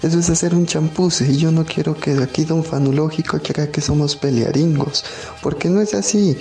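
A man playing a polite, proud highland countryman with a Pastuso accent from southern Colombia, in a folksy children's story. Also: brisk, dark tone, natural voice. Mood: mildly indignant. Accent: Pastuso, southern Colombian Andean.

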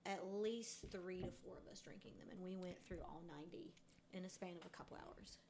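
A woman's voice: fairly low pitch, brisk, background noise. Woman dropping dry short quips. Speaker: guest. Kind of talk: casual chat among friends.

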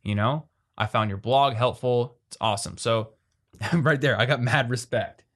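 Male podcast co-host, mid-pitched, quick conversational delivery, reads listener questions aloud. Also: a bit bright. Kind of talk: casual podcast chat.

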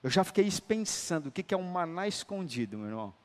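A man preaching a sermon, his fairly high voice ringing through a church hall with a long echo. He swings from loud, emphatic declarations to quiet, tender lines. He talks to the congregation in a colloquial way and calls them brother. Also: big pitch swings, fast talker. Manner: colloquial, addresses listeners as brother. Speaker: apostle preaching.

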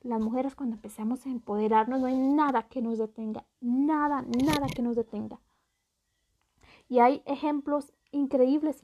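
A woman's voice: sits high, dark tone, dull audio. A woman hosting a motivational podcast, talking straight to the listener as a friend and repeating phrases for emphasis. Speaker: podcast host.

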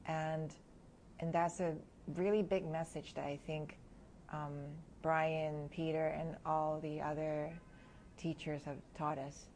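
A woman in her thirties from Hong Kong, a guest speaking candidly and reflectively in an interview, often laughing softly between thoughts. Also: low-pitched, level tone, slow pace, slight background noise.

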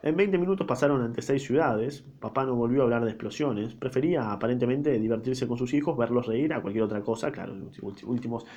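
A man's voice: medium pitch, a little fast, hardly any pauses, a little mellow, lo-fi sound. Rioplatense man reading a book aloud. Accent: Rioplatense Spanish. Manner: informal slangy asides.

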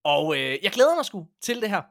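A man's voice: sits high, gravelly. A man co-hosting a casual podcast chat, telling stories with lots of animation. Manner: animated storyteller, acts out voices. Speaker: podcast co-host.

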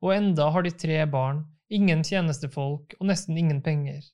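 An earnest, shy young noblewoman in a storybook reading, voiced by a man. The voice sits slightly high, with little put-on change. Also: darkish tone, lightly acted.

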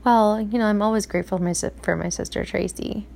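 A woman's voice: medium pitch, fairly even intonation, fast talker, gravelly, darkish tone, slight background noise. A middle-aged woman in casual chat about her family, rambling with lots of "like" fillers. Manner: rambling, chatty, full of "like" fillers. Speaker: mom vlogger.

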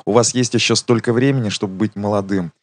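Formal low-voiced male radio host. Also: fairly even intonation, quick pace, darkish tone, no echo. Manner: formal, courteous, teasing. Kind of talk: radio interview.

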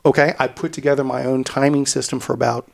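A man with a gravelly, creaky voice talks casually about running cycling events. He rambles, restarting and repeating words as he explains. His pitch sits in an ordinary middle range. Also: level tone, fast, darkish tone. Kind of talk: casual podcast chat.

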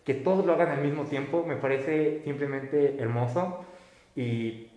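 A man's voice: on the high side, steady tone, measured pace, mellow. A young man hosting a casual interview, asking chatty, rambling questions. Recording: roomy echo.

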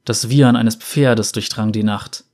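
A man reading a dark fantasy story aloud in a measured, dramatic way. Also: lowish voice, fairly even intonation. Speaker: narrator.

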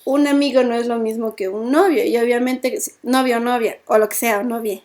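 A woman's voice: on the high side, fairly even intonation, fairly quick, a little mellow. A woman co-hosting a podcast, chatting casually, laughing often and acting out little quotes. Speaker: podcast co-host. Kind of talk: casual chat.

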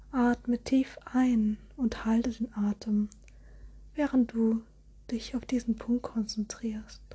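A hypnosis guide leads a relaxation session, offering gentle suggestions in a soft, soothing, airy spa-style whisper. Her voice is fairly high-pitched and husky.

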